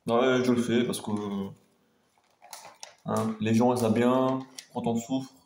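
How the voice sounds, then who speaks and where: A man's voice: mid-range voice, level tone, takes it slowly, creaky, a little mellow. A man chatting casually to viewers as a food-tasting vlogger, talking in a hesitant, rambling way and repeating himself. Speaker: food taste-test vlogger. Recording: roomy echo, faint background noise.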